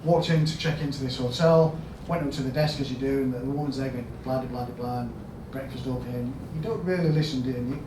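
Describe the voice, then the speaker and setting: A Yorkshire-accented health service chief executive gives a storytelling keynote at a conference, speaking fast with few pauses in a mid-range voice. He quizzes the audience and breaks into loud, emphatic bursts. The distant mic picks up an echoey hall and background noise.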